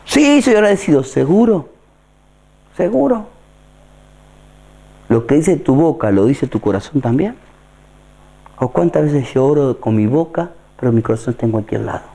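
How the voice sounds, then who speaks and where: A man's voice: mid-range voice, expressive, brisk, warm tone. A man preaching a sermon, who keeps putting questions to his listeners. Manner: asks the listeners repeated questions.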